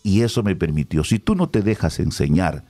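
A middle-aged radio announcer, telling stories in an animated, expressive way during a casual conversation. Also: male voice, sits low, a little fast, soft background music.

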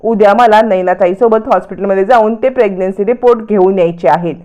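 A woman's voice: mid-range voice, a little fast, mellow, close to an everyday voice. A woman voicing a resolute young daughter-in-law who speaks steadily and earnestly. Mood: earnest resolve.

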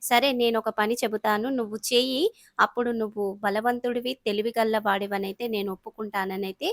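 A woman's voice: on the high side, steady tone, a little fast, no room sound, studio quality, lightly acted. A woman voicing a clever, bold female crow in a cartoon story, scolding and lecturing. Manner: scolding, preachy.

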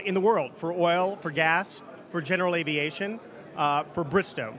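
High-pitched male executive, forties, measured interview delivery over busy crowd chatter. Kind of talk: interview answers. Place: indoor reception event at a hangar. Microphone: handheld interview microphone.

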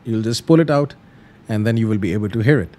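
A man with a fairly low, dark-toned voice hosts flight simulator tutorials, speaking fast and in an animated way. He explains things casually in steps and keeps repeating simple instructions.

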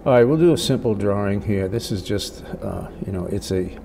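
An older man speaks as a gentle painting instructor, in a low, gravelly voice. He guides casually and encouragingly through each step, unhurried, with some steady noise behind him. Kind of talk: casual spoken painting tutorial.

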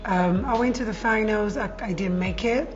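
A woman in her thirties from Zambia, a model guest, telling her story in a relaxed casual interview in an indoor restaurant set. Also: mid-range voice, normal speed, lo-fi sound, over music. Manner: relaxed storytelling with fillers and yeahs.

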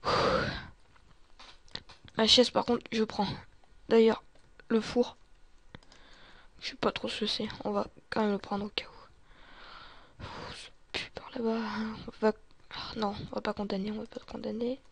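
Playing a role-play survival series, a woman gives in-character commentary, muttering to herself, often slipping into whispers and bursting into exclamations. Her fairly high voice is level, a little slow, gravelly and husky, with long pauses.

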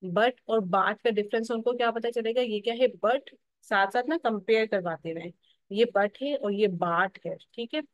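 A woman with a Pakistani Urdu accent teaching a phonics lesson for teachers, slowly sounding out syllables and often checking in. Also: on the high side, dry recording, lo-fi sound. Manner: explanatory, checks in with "theek hai" often.

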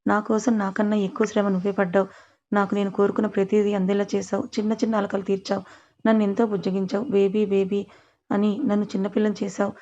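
Woman reading as a gentle young new mother. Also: medium pitch, little pitch movement, fast, highs cut off, close to an everyday voice. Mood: tender. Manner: gentle, soft-spoken. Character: young new mother, loving and playfully sulky.

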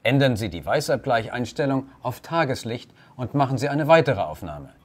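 A man's voice: medium pitch, very animated, normal speed. A man narrating a scripted camera tutorial, giving formal, polite step-by-step instructions. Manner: formal, addresses listener politely.

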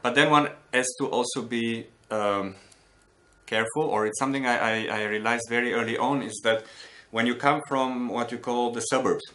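A man in his forties from Albania, a native Albanian speaker, reflecting as an artist in an interview. He speaks thoughtfully with many pauses, fillers and restarts. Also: mid-range voice, fairly even intonation, pushed and bright. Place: home studio with bookshelves, indoors.

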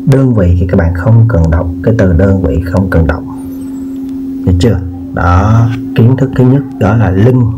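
A man teaches children's arithmetic at a very slow, patient pace, often repeating himself and stopping to check that viewers are following. His voice sits rather low. The recording is dull and lo-fi, with clear guitar music playing behind him. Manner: slow, repeats words and asks "được chưa?". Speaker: math teacher. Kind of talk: slow explaining lesson for children.

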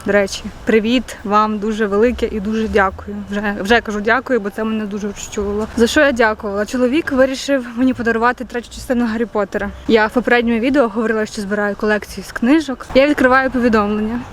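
A woman's voice: fairly high pitch, steady tone, fast talker, few pauses, a little hiss or hum. A young woman talking casually to her phone camera while walking through a city, playful and jokey. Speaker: vlogger. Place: outdoors on city streets and in a park. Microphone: handheld phone at arm's length.

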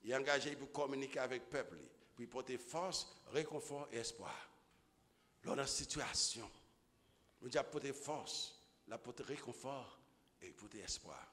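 A man preaching a sermon as pastor, swinging from low murmurs to shouted exclamations. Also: moderate pace. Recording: echoey hall with long reverb.

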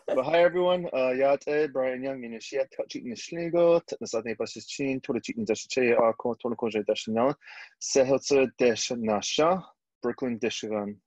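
A man from Arizona introducing himself as an author, relaxed and laughing easily, on a video call. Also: medium pitch, normal speed, dry recording, muffled recording. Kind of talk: casual self-introduction.

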